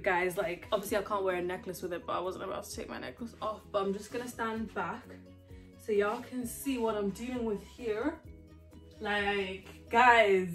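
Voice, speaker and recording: A young fashion vlogger who isn't a native English speaker chats animatedly in a try-on haul filmed indoors in her home living room, calling her viewers "guys." Her voice is mid-range and a bit bright.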